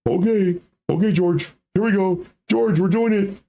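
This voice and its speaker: A man's voice: high-pitched, unhurried, vocal fry, mellow, pitched above the performer's own voice. A man mockingly playing a pushy crypto bro, hyping with slangy, repeated catchphrases in a livestream impression. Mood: eager, gullible. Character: hyped-up crypto bro pump-group leader and eager follower.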